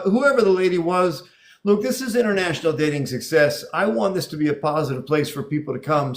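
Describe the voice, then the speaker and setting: Male live-show host, fairly high voice with heavy vocal fry, encouraging, casual, repeats himself for emphasis. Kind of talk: casual live hosting and interview.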